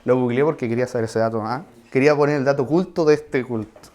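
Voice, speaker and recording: A preacher gives a sermon in a relaxed, conversational way, speaking straight to the congregation with asides and quick questions. His voice sits at a middle pitch with a darkish tone.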